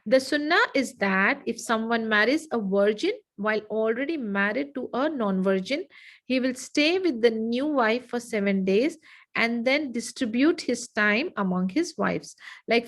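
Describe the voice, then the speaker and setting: A woman leads an online lesson, speaking in a somewhat high voice. She dictates slowly and repeats phrases so her students can take notes. The sound comes through a video call. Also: a bit bright, low-quality recording. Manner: slow, repetitive dictation with frequent "okay". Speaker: Islamic studies teacher.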